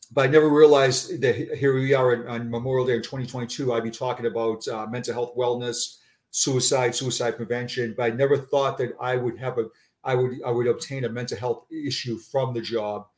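Middle-aged Boston man, halting and conversational. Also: mid-range voice, darkish tone. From Massachusetts, United States. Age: 50s. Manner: halting, repeats words and phrases. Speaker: interview guest, retired police officer. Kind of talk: conversational personal account.

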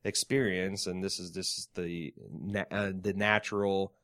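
A man with a fairly low voice co-hosts a casual chat show, and he talks bluntly with lots of swearing. He drops dry, sarcastic asides, sounding like he is talking loosely among friends. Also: flat delivery, a little slow, fairly bright tone. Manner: blunt and profane, sardonic asides. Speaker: podcast co-host. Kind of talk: casual chat, reading a written account aloud.

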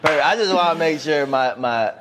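A man from Detroit hosting a casual, frank chat in a slangy, jokey, expressive way. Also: fairly high pitch, normal speed, heavy background noise. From Detroit, United States. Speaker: host.

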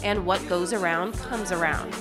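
A woman's voice: fairly low pitch, normal speed, over loud music. A woman giving a scripted entertainment news report as a correspondent.

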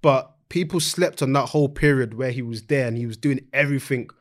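A man's voice: medium pitch, a little fast. A man with a London accent and urban slang hosting a casual panel discussion, insistent and repeating his phrases. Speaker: football podcast host.

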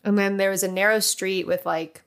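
A young woman co-hosting a podcast, telling an animated story with swearing and frequent laughter. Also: medium pitch, normal speed. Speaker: podcast co-host. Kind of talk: casual chat.

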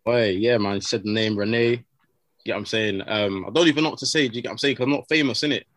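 A man's voice: on the low side, very fast, a bit bright, no echo, studio quality. A man with a London roadman accent chatting casually as a podcast guest, slangy and full of repeated tag questions. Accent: London roadman (urban slang).

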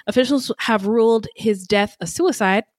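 A woman's voice: a little high, normal speed, dry recording. A woman co-hosting a casual podcast, chatting with lots of ums and restarts. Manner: chatty, many fillers and restarts. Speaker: podcast co-host.

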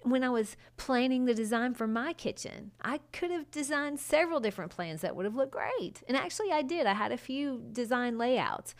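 A woman's voice: on the high side, lively intonation, moderate pace, few pauses. Emphatic woman podcaster chatting casually. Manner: conversational, emphatic, direct address to listeners. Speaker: podcast host and design consultant. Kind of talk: casual solo podcast talk.

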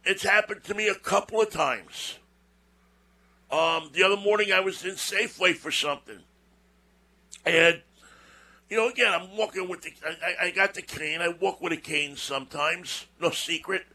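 A man's voice: high-pitched, normal speed, bright, forceful tone. A man hosting a show, telling a personal story in a casual, rambling monologue with folksy asides and repeated words. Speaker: show host.

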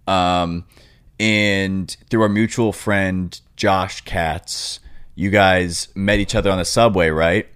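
A man's voice: sits low, fairly even intonation, takes it slowly, fairly bright tone, clean tone. A young man hosting a casual interview, talking informally. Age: young adult. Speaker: podcast host.

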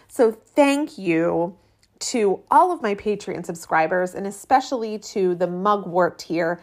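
A woman's voice: medium pitch, animated, unhurried. A woman in her late thirties hosting a solo podcast in a casual, chatty, informal way. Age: late 30s. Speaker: podcast host. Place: cabin with a metal roof in rain.

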